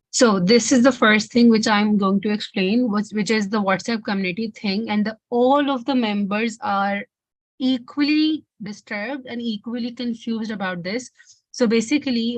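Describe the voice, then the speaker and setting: A woman's voice: medium pitch, dry recording, poor audio. A woman hosting an online volunteer coordination call over a video call, talking casually with many fillers and restarts. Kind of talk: casual online meeting talk.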